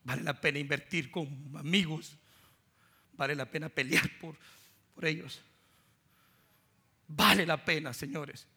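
A middle-aged Guatemalan man preaches with a Guatemalan Spanish accent. His voice is strikingly bright and sits a little high for a man. He moves between loud, driving proclamations and hushed, low asides as he tells his stories. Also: a little slow, vocal fry, long pauses, breathy edge. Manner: animated storytelling, swinging from loud preaching to soft, low asides. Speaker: pastor. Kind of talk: sermon.

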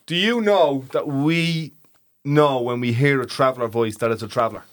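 A man's voice: medium pitch, normal speed. A man with a working Dublin Ballymun accent, chatting casually and telling things in colloquial, slangy language. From Dublin, Ireland. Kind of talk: casual chat.

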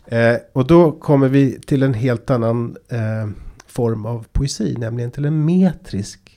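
A man's voice: mid-range voice, dark tone. A man hosting a talk about poetry, speaking hesitantly with many restarts as he explains. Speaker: podcast host. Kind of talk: casual discussion of poetry.

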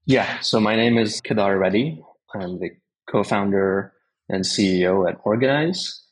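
A man from India, a tech company co-founder, answering interview questions in a measured, explanatory way. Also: on the low side, poor audio.

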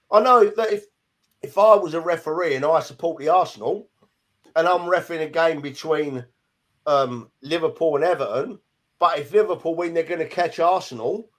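A man chatting casually about football on a podcast, emphatic and full of "you know". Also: on the high side. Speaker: podcast co-host.

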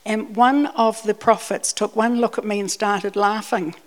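Unhurried and steady, this woman's mid-range voice guides a conversational sermon drawn from personal anecdotes. Originally Scottish and raised in New Zealand, she repeats words each time she restarts a line.

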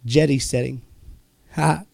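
A man's voice: mid-range voice, fairly even intonation, takes it slowly, vocal fry, darkish tone, dry recording, clean studio sound. A man hosting a podcast, delivering a profane, preachy and emphatic ranting monologue. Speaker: podcast host.

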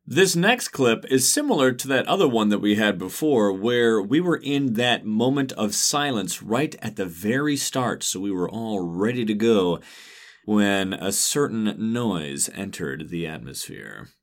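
A man's voice: mid-range voice, measured pace. A man co-hosting a podcast, bantering casually and laughing often. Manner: giggly, lively, joking banter. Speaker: podcast co-host.

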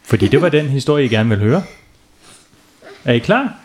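A man's voice: mid-range voice, big pitch swings, noisy background. A man, a father, telling a silly bedtime story to children, playful and often asking them questions.

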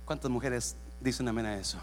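A male pastor, preaching a bilingual sermon that swings from shouting to hushed whispers and slips into English phrases. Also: mid-range voice, fairly quick, slight background noise.

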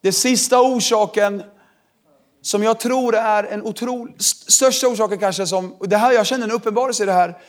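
A man with a Swedish accent preaching a lively sermon, moving from quiet talk to loud shouting. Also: sits high. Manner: animated, swings from quiet to shouting. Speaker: pastor. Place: large hall with live audience.

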